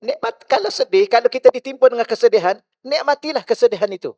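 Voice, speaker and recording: A male religious teacher with a Malaysian Malay accent, giving a mosque lecture full of rhetorical questions, shifting between loud and hushed. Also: extremely high pitch, quick pace, no room sound, clean studio sound.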